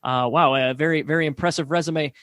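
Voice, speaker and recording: A man doing mock play-by-play commentary, deadpan and full of hesitant fillers. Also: on the high side, brisk, dry recording, studio quality. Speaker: play-by-play announcer.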